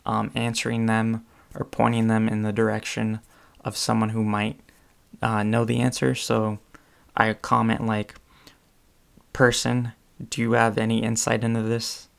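A man's voice: fairly low pitch, completely flat delivery, unhurried, creaky. A young man hosting his own podcast, talking casually in a rambling way with lots of ums and restarts. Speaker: podcast host. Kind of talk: casual solo podcast monologue.

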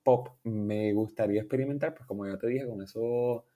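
A young man from Puerto Rico with a Puerto Rican Spanish accent, a musician chatting in an interview, relaxed and rambling with English words mixed in. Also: on the low side, moderate pace. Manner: relaxed, rambling, restarts often, laughs easily, mixes in English words. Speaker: musician guest. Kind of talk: casual interview chat.

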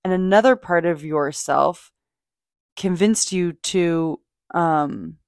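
A woman's voice: lowish voice, slow pace, a little mellow, no room sound, clean studio sound. A woman hosting a podcast, talking casually and off the cuff about self-help in a gushing, emphatic, sweary way. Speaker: podcast host. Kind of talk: casual spoken self-help talk, unscripted.

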